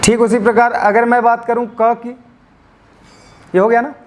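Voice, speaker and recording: A man teaches English grammar in a high-pitched voice. He spells endings out letter by letter and slows down on them. He keeps asking the class questions and answering them himself. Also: little pitch movement. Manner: spells out letters slowly, stresses pronunciation. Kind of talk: classroom lecture.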